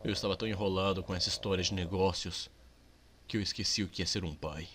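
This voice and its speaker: A Brazilian man voicing a remorseful middle-aged father who is a busy businessman, speaking slowly, softly and low. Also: fairly even intonation, slight background noise. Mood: remorseful, gentle. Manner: slow, soft and low, apologetic.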